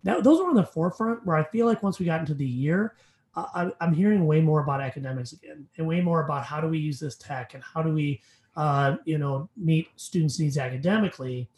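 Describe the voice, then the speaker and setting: Speaking briskly in a slightly high, darkish-toned voice, this man co-hosts an educational podcast. He's upbeat and rambles with plenty of fillers, also handling the sponsor read, and the audio has a roomy quality.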